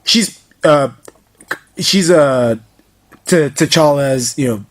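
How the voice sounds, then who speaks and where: Podcast co-host, man, slightly higher pitch, excitable and laughing. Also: drawn-out words. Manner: excitable, laughs often, many restarts. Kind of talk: casual movie review chat.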